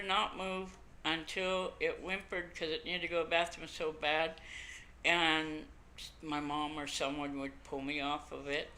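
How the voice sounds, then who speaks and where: Slow, toothless older woman, lips over gums. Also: lowish voice, pushed and bright. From Canada. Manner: rambling, folksy, self-deprecating. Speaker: podcast host. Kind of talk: casual chat to camera. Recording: noisy amateur home computer recording.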